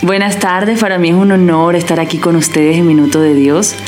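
Lower-voiced Caribbean Colombian woman interpreting. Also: steady tone, a little fast, a little mellow. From Barranquilla, Colombia. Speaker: missionary guest and interpreter. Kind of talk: consecutive interpreting and scripture reading. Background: faint music.

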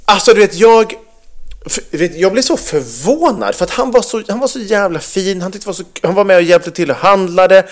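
A man's voice: high voice, animated. A middle-aged man co-hosting a podcast, telling a story in casual chat with heated, swearing outrage. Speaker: podcast co-host.

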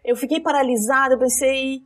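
A woman with a high, brisk voice, sitting far from the mic, chats casually about a dramatic episode from her rideshare driving. She retells it in a lively, dramatic way, quoting what people said.

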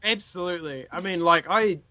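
A man's voice: high-pitched, fairly quick, sharp tone, no echo, poor audio. A man with a broad New Zealand accent casually telling history as a podcast host, informal, colloquial and given to swearing.

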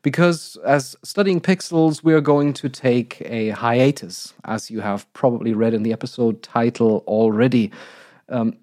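A podcast co-host in his thirties, slightly croaky as he recovers from illness, makes a casual announcement in an articulate, measured way, laughing often. His voice is at an ordinary pitch with a darkish tone, and the recording is dry and close with no room sound.

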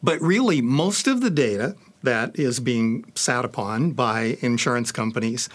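A man's voice: medium pitch, lively intonation, measured pace. A man speaking as a panelist in a discussion, hesitant, with many fillers and restarts. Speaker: panelist on insurance analytics.

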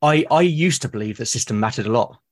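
A British man, an artist and podcaster, talks as an interview guest in a casual conversation. His medium-pitched voice moves quickly with lively intonation, and he sounds hesitant, often repeating words when starting a sentence.

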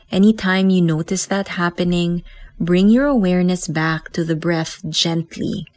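A woman with a Filipino accent leading a guided meditation as a teacher, speaking in a calm, gentle way with unhurried pauses. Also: fairly low pitch, no echo.

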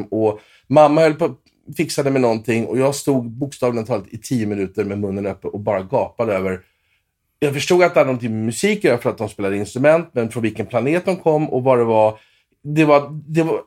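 A man's voice: mid-range voice, darkish tone. A man in his fifties from Sweden, a guitarist telling stories in an interview with many restarts and fillers. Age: 50s. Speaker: guitarist guest. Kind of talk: storytelling interview.

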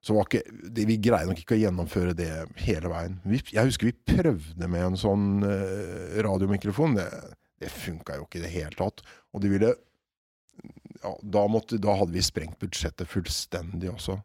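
Low-voiced man, animated director. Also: breathy edge, no echo, clean studio sound. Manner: animated, hesitant with many fillers. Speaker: theatre director. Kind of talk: reflective interview talk.

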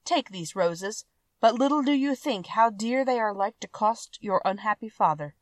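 A woman's voice: medium pitch, animated, normal speed, voice pushed up, close to an everyday voice. A woman voicing a frightened, humble male merchant and father in a storybook, speaking politely and pleadingly. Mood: sorrowful.

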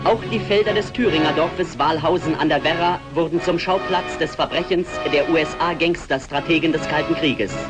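High-voiced man in an old newsreel. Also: moderate pace, few pauses. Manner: declamatory, pompous. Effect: old newsreel soundtrack. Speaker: newsreel announcer. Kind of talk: 1950s propaganda newsreel narration. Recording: dull lo-fi old newsreel audio. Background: loud music.

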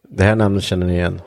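A man hosting a casual podcast, relaxed and laughing easily between remarks. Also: low voice, creaky, dry recording, studio quality. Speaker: podcast host.

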